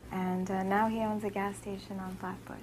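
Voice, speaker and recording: A woman's voice: medium pitch, flat delivery, normal speed, noisy background, close to an everyday voice. An actress playing a shy young woman teacher from Brooklyn who talks in a hesitant, earnest way. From Brooklyn, New York.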